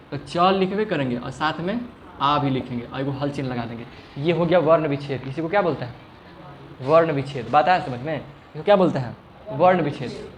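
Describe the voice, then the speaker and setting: A man's voice: on the high side, slight background noise. A man teaching a classroom grammar lesson, asking the same question over and over and stretching out sounds to demonstrate them. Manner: repetitive questioning, checks understanding often.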